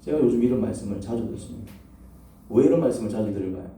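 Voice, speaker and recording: A man's voice: lowish voice, lively intonation, very fast, warm tone, slight background noise. Echoey preacher quizzing his congregation. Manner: rhetorical questions to the congregation. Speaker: pastor. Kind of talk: sermon. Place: church sanctuary. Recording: echoey church from a distance.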